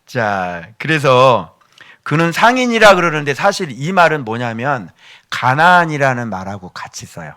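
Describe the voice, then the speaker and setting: A male pastor giving a sermon in an animated way, with joking asides to his congregation. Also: mid-range voice, moderate pace.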